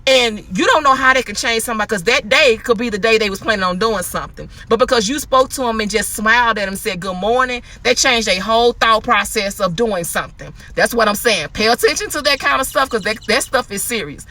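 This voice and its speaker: A woman in casual spoken advice, chatty and animated, acting out quotes. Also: fairly high pitch, a little fast, few pauses. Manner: chatty, animated, laughs often, acts out quotes. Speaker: host.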